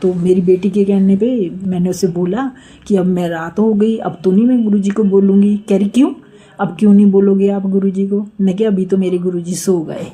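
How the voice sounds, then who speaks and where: A woman's voice: mid-range voice, fairly even intonation, normal speed, dark tone, husky. A middle-aged woman from India sharing a long, earnest devotional testimony, rambling and repeatedly addressing the listeners directly.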